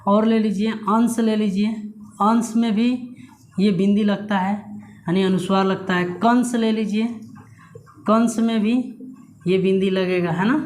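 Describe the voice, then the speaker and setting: A man's voice: high-pitched, a little mellow. Echoey male teacher explaining step by step. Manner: asks questions and answers them himself; repeats key words slowly for emphasis. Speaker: Hindi grammar teacher. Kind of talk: classroom lesson for students. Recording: echoey room with faint noise.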